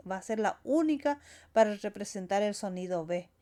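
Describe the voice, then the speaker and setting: A woman's voice: mid-range voice, lively intonation, moderate pace, mellow. A woman teaching a language lesson, saying sounds and words one at a time and stressing the final syllables. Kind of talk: slow explanatory lesson.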